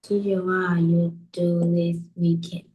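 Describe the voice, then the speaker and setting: A woman's voice: lowish voice, little pitch movement, a little slow, slightly rough, low-quality recording. A woman student answering briefly and hesitantly in an English lesson. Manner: terse, hesitant, quiet.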